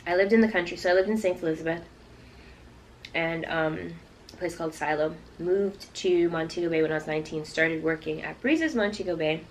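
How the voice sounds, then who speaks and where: A woman with a slightly low voice tells stories in a casual, chatty vlog style. She speaks straight to her viewers in a conversational way, with faint noise behind her. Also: fairly quick. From Toronto, Canada. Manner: conversational, addressing viewers directly. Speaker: YouTube vlogger. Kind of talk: casual chatty mukbang storytime.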